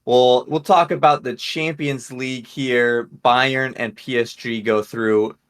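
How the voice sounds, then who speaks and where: A man's voice: medium pitch, fairly even intonation, slow pace, smooth. Man hosting a casual sports chat. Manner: leads the talk, lines up topics and questions. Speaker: podcast host.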